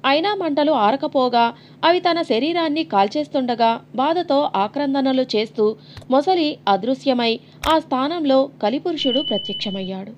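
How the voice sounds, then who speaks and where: Brief: woman audiobook narrator, high voice, dramatic delivery, slightly muffled recording. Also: normal speed, a little hiss or hum. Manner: dramatic, expressive storytelling.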